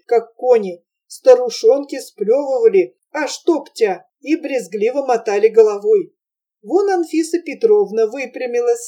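Woman, audiobook narrator, literary novel, measured, expressive, warm mellow tone, slightly high. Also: far from the mic.

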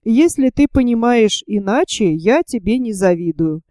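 Haughty aristocratic older lady voiced by a woman, coldly formal, measured delivery, mellow smooth tone, audiobook reading. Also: on the high side, lively intonation, no room sound, studio quality. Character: proud stern aristocratic older lady, cold and controlled.

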